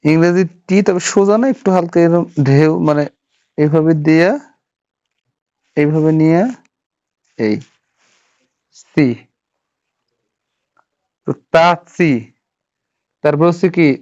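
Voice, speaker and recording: Slow and steady, with long pauses, a slightly high yet darkish male voice guides a Japanese writing class stroke by stroke and checks on the students. The teacher's first language is Bengali, and the recording sounds dull and lo-fi.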